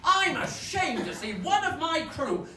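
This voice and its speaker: A woman's voice: sits high, big pitch swings, a little slow, sharp tone, a little hiss or hum, heavily acted. A woman playing a bumbling, flustered male British naval officer with a posh, fussy and nervous manner in a live stage comedy. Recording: echoey stage, picked up from far off.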